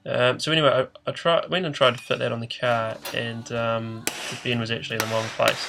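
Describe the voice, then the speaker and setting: A man with a nasal, stuffed-up voice narrates a DIY tutorial informally. His delivery is very flat and matter-of-fact, with hesitations and a gravelly creak. A little noise sits behind him. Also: medium pitch, a little fast. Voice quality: nasal, congested whine. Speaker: DIY car repair presenter. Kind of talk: informal instructional voice-over. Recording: noticeable background noise.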